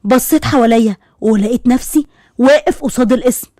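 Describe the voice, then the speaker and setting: A woman with an Egyptian accent narrating a first-person horror story in a suspenseful, brisk manner. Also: fairly high pitch, warm tone, no room sound, studio quality. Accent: Egyptian Arabic.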